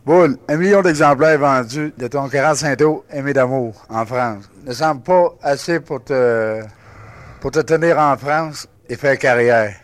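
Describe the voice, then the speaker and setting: A man interviewing a singer, asking questions in a formal, measured way. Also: medium pitch, dry recording.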